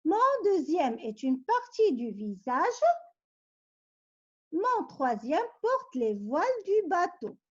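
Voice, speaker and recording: A high-pitched woman teacher reads riddles aloud to her young pupils, coaxing them along with patient questions and hints. She speaks slowly with a lively, rising and falling tune. The recording sounds dull and lo-fi. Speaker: primary school teacher. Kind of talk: reading riddles to pupils in a vocabulary lesson.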